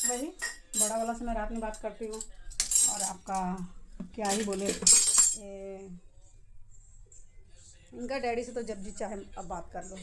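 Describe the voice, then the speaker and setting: Chatty middle-aged woman talking to her viewers, kinda high voice, dishes clinking in the kitchen. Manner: chatty, addresses viewers as guys. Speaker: vlogger. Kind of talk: casual home vlog chat. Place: home kitchen.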